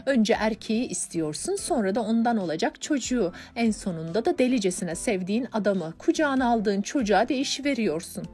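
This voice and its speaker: A woman voicing a witty, outspoken aunt in an audiobook, lifting her voice higher and louder. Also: close to an everyday voice.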